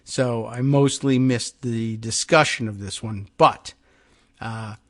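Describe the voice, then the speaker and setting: A man's voice: medium pitch, steady tone, slow pace, no room sound, studio quality. Man reading news with wry asides. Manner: wry asides between read passages. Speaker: podcast host. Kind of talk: reading news aloud with commentary.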